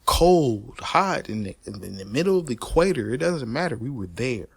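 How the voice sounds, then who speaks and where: The host of a personal commentary channel delivers an unscripted opinion rant in a husky, medium-pitched voice with vocal fry at a moderate pace. He's animated, emphatic and repetitive, restarting and stuttering often, swearing freely and using street slang. The recording is dry and studio quality.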